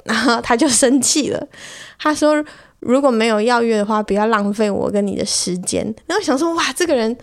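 A young woman with a Taiwanese Mandarin accent, hosting a casual storytelling podcast in a frank, chatty way. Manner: frank, chatty, breaks into laughter and excited high bursts. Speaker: podcast host.

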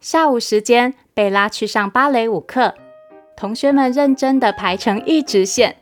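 A woman narrating a children's storybook in a lively, expressive way. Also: fairly high pitch, moderate pace, soft background music.

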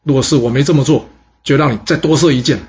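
A man's voice: medium pitch, fast, a little mellow, lo-fi sound, lightly acted. A man voicing a cocky, teasing young archer in a storybook tale. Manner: playful teasing.

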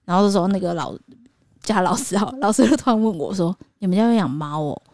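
A woman's voice: medium pitch, expressive, fast, a little mellow, dry recording, studio quality. A woman co-hosting a podcast, telling a story and acting out both sides of the conversation. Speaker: podcast co-host. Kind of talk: casual storytelling chat.

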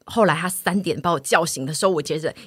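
A woman's voice: deep voice, fast talker, breathy edge, dry recording, studio quality. A woman, co-hosting a podcast, animatedly retelling a quarrel and acting out both sides. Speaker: podcast co-host. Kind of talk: casual storytelling.

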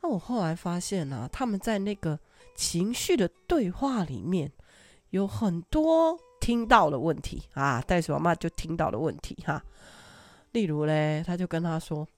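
A woman's voice: on the low side, moderate pace, no room sound, faint music behind. An older woman, hosting a podcast and telling stories casually, with frequent laughter. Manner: laughs often, animated anecdotal telling. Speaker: podcast host. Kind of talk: casual storytelling.

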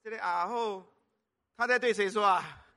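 A male pastor preaching a lively sermon, exclaiming and telling stories. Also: high-pitched, moderate pace. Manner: animated, exclaiming, storytelling.

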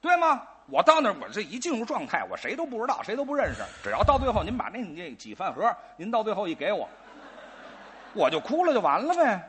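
A man's voice: sits high, huge pitch swings, quick pace, a bit bright, slightly rough. A man performing comedic crosstalk, bantering back in a cocky, playful way.

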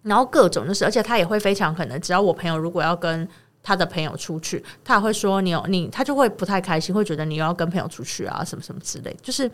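Fast-talking Taiwanese woman retelling gossip. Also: on the low side. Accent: Taiwanese Mandarin. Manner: rambling retelling of a friend's story, many fillers. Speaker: podcast co-host. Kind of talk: casual chat, storytelling.

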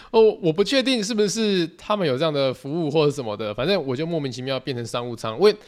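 Fast-talking Taiwanese man in his thirties. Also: a little high. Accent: Taiwanese Mandarin. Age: 30s. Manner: chatty, animated storyteller. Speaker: podcast host. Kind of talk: solo podcast storytelling.

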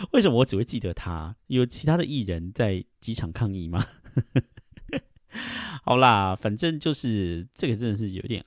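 A man's voice: on the low side, big pitch swings, measured pace, long pauses, no room sound, studio quality. A middle-aged man hosting a casual solo podcast, rambling and chuckling, with many fillers. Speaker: podcast host.

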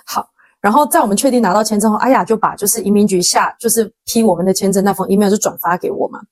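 A young woman with a Taiwanese Mandarin accent, hosting a podcast and telling a story in a casual, animated way, acting out quoted lines with slang. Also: medium pitch, quick pace. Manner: animated, dramatic retelling with quoted dialogue and slang. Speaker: podcast host.

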